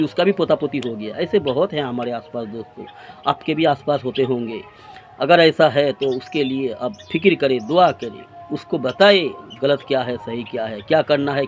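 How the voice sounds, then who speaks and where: A man in his forties delivering an earnest, reproachful religious sermon to his friends, piling up repeated phrases. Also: mid-range voice. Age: 40s. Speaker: preacher.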